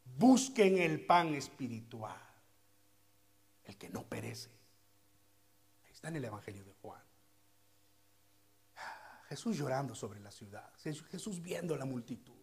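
A man with a Mexican accent preaching a sermon and leading a prayer. He swings between hushed passages and loud exclamations. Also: medium pitch, lively intonation, unhurried, creaky, pauses often. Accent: Mexican Spanish. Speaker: pastor. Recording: faint music behind.

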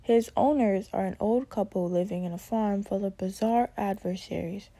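In a medium-pitched voice with a dark tone, a young woman hosts a casual chat at a moderate pace. She talks in a chatty, vivid way about her fears and a cartoon.

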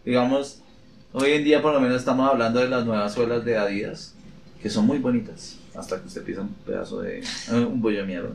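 A man hosting a casual chat, joking and excitable, asking long rambling questions. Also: medium pitch, fairly quick, gravelly. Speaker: podcast host. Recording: echoey room, faint ambient noise.

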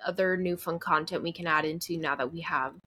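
A young adult woman co-hosting a book podcast, chatting in a relaxed, agreeable way. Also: lowish voice, a little fast. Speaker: podcast co-host. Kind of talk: casual chat.

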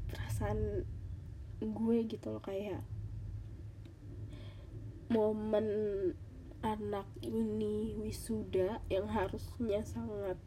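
A woman hosting a podcast as a casual, halting monologue, with a congested, nasal voice like a blocked nose. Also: mid-range voice, mellow, slight background noise, poor audio. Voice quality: congested, stuffy-nosed nasal voice. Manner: informal, halting, with audible sighs. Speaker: podcast host.

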